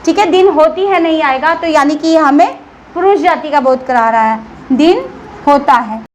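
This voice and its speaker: A woman teacher with a high, light voice walks young pupils through a grammar lesson. She asks a question, waits a beat and answers it herself in a patient, steady way. A faint hiss sits under the recording. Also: normal speed, rough recording. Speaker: school teacher.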